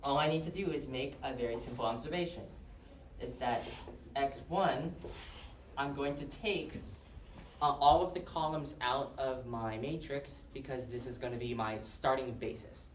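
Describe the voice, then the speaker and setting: A man's voice: medium pitch, normal speed. Man lecturing in an echoey hall. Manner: conversational, asks the class questions. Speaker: math lecturer. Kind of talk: classroom lecture. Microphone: distant room mic. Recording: roomy, distant, faint hiss.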